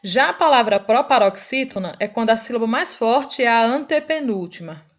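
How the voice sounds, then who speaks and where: A woman's voice: a little high, animated, moderate pace. Brazilian woman, teacher, recorded review lesson; patient, checks in with tag questions, drags out example words. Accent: Brazilian Portuguese.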